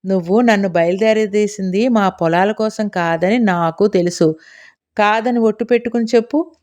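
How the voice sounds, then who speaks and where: A woman's voice: medium pitch, normal speed, darkish tone, close to an everyday voice. A woman narrator voicing a teasing, playful young woman in an audiobook story. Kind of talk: audiobook character reading.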